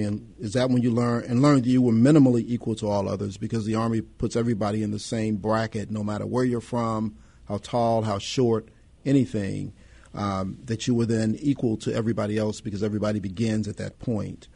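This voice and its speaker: A man hosting an interview, asking his guest soft-spoken, measured questions. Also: lowish voice, steady tone, creaky, husky, no echo.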